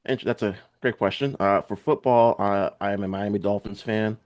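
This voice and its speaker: Laid-back young American man, low voice. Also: steady tone, normal speed. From United States. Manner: laid-back, hesitant, many fillers. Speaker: podcast guest. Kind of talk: casual podcast chat.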